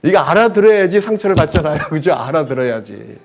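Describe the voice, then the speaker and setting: A male pastor preaching a sermon in a church, telling anecdotes with humor and swinging between loud bursts and quiet asides. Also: fairly high pitch, big pitch swings, quick pace. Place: church hall.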